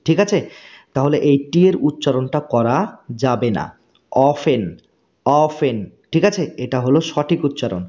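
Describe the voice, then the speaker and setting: A man teaching spoken English in a slow, patient way. He repeats each word and often checks that the learner has understood. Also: medium pitch, animated, warm tone, muffled recording.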